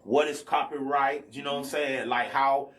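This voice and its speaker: A man's voice: mid-range voice, little pitch movement, normal speed, fairly bright tone. A man, a guest R&B artist talking in a loose, rambling way, often stopping to check in with the listener. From Athens, Georgia, US. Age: 40s. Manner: rambling, peppers talk with "you know what I'm saying". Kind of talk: casual podcast conversation.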